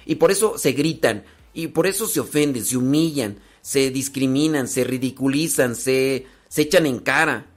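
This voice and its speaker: A man's voice: medium pitch, normal speed, hardly any pauses. A man with a Mexican Spanish accent chatting casually as a host, giving family and marriage advice with jokes and rhetorical questions. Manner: chatty, joking, rhetorical questions, many restarts.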